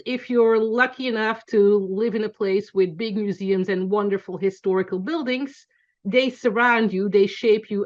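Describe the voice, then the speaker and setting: Over a muffled video-call connection, a medium-pitched woman from Belgium in her forties runs an online class in her Belgian accent. She keeps it chatty, frequently saying "um" and correcting herself.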